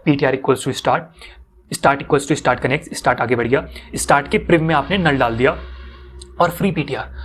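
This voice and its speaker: A young man explaining code step by step to students in a casual teaching manner, often repeating himself and checking that they follow. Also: a little high.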